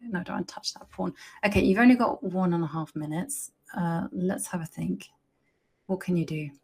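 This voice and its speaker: A woman's voice: lowish voice, normal speed, vocal fry, breathy edge. A woman streaming her chess games, chatting casually and thinking aloud as she plays. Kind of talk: casual live-stream commentary.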